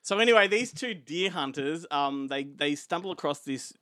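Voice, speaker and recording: A man's voice: fairly high pitch, lively intonation, normal speed, bright, forceful tone, no room sound, studio quality. An Australian man co-hosting a podcast, telling a film's story in casual chat and laughing often. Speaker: podcast co-host.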